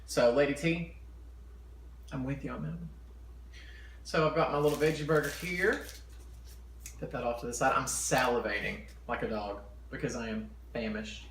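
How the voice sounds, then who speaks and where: Low-voiced man chewing while talking, echoey kitchen. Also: moderate pace, long pauses, a bit bright. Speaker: mukbang vlogger. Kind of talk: casual eating-show chat to camera. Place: home kitchen. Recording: echoey room with background noise.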